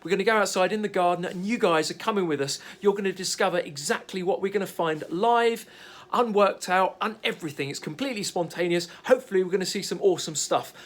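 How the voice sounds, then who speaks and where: A man hosting a wildlife vlog, presenting live in a garden at night with eager, chatty enthusiasm that often sinks to a hushed near-whisper. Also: sits high, fast. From United Kingdom. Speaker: wildlife vlogger host.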